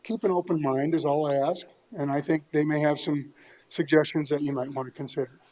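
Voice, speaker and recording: A man's voice: fairly high pitch, steady tone, a little fast, a little mellow. A man with an American accent gives plain-spoken, folksy comments at a public meeting. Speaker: speaker giving public comment.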